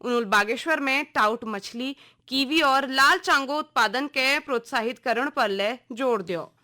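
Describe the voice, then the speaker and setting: Reading out a scripted regional radio news bulletin, a Kumaoni-accented woman keeps to a formal, measured announcer's cadence. Her pitch is high and her tone bright and forceful.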